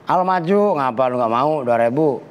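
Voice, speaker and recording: Here a man speaks at normal speed in a mid-range voice, with a Betawi Jakarta Malay accent. He's a kyai giving a casual Arabic grammar class, slangy and teasing, with lots of banter. The setting is a reverberant hall with faint background noise.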